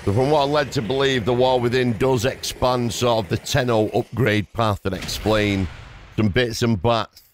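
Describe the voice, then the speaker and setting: A gaming YouTuber speaks at a normal speed in a medium-pitched voice, with a little hiss or hum on the recording. Game music plays underneath his casual, playful commentary, which is peppered with exclamations and mild substitute swears.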